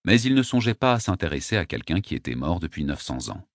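Deep-voiced man narrating a novel. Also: big pitch swings, fast, no room sound, studio quality. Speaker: audiobook narrator. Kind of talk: first-person novel narration.

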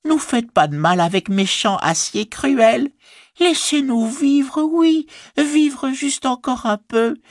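A man voicing a wretched, starved male creature who whimpers in a shrill, drawn-out wail. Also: lively intonation, dry recording, clean studio sound, full character voice. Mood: whimpering plea. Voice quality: shrill, drawn-out wailing whine. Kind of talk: audiobook character voice.

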